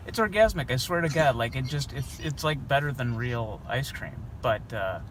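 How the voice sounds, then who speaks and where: A man's voice: mid-range voice, lively intonation, moderate pace, fairly bright tone, lightly acted. A man playing himself in a casual, rambling phone call with his parents, recorded outdoors near traffic. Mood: chatty. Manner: casual, rambling small talk.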